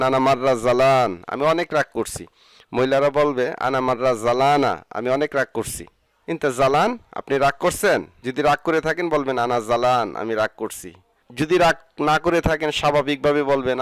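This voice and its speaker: A man teaching a language lesson, saying each phrase slowly and then explaining what it means. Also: mid-range voice, no room sound. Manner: says each Arabic phrase slowly, then gives its meaning.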